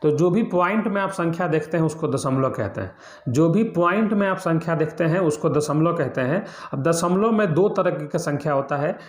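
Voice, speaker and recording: A man explains a maths lesson, repeating key points and quizzing his students as he goes. His voice sits a little high. The room around him is echoey. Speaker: maths teacher.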